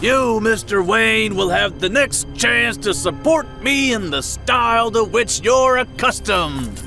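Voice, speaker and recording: An actor playing a menacing, gloating criminal clown in an audio drama, with a taunting, theatrical delivery. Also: male voice, high voice, expressive, takes it slowly, vocal fry, music in the background, full character voice. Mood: mocking. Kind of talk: audio drama villain acting.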